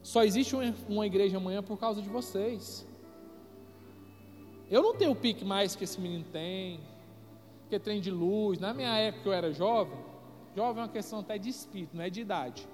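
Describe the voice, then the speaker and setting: High-voiced preaching man in a church. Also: brisk, a little mellow. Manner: emphatic, addresses the congregation directly. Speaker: pastor. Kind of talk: preaching at a youth service. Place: church sanctuary. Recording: reverberant church hall with music behind.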